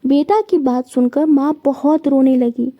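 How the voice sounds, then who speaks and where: A woman's voice: high voice, fairly even intonation, a little slow, dull audio. A woman narrating a moral family story in a plain, simple retelling style.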